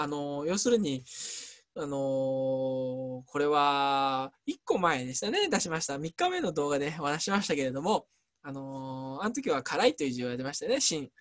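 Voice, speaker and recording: A lecturer explaining at a relaxed pace, chatty, with many fillers and emphatic asides. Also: mid-range voice. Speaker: lecturer on Chinese culture.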